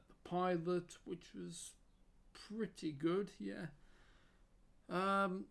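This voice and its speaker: In a laid-back YouTube review, a man with a slightly high, creaky voice hesitates often, leaning on fillers and repeating words. His voice is giving out as he speaks.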